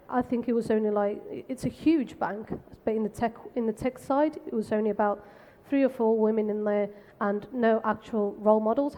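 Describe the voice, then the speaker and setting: A woman from the Canary Islands in Spain, speaking on a tech panel in a brisk, frank, self-deprecating way. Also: medium pitch, warm tone. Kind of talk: conversational panel talk. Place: conference stage. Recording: long hall reverb.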